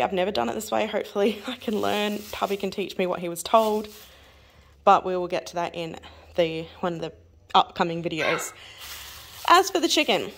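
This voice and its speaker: Chatty Australian woman showing groceries. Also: medium pitch. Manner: chatty, rambling, quick with little laughs. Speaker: family vlogger. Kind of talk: casual grocery haul vlog.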